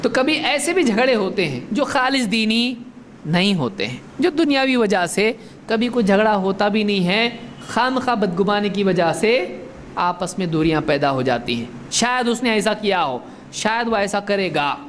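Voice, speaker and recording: A man giving a religious lesson. He asks his listeners questions, answers them himself, and recites Arabic verses slowly. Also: high voice, animated, a bit bright, slight background noise. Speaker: Islamic religious teacher. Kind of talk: religious lecture.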